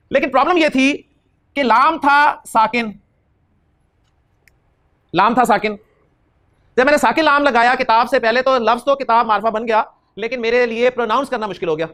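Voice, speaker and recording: A man teaching Arabic grammar in a classroom lecture, quizzing his students and slowly repeating key terms. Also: very high voice, a bit bright. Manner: questions students and drills answers back.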